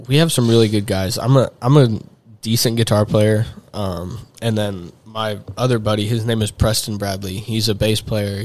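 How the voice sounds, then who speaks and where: This young man from Texas is a podcast guest in casual conversation, wandering through his points with frequent fillers and restarts. He has a lowish, slightly mellow voice.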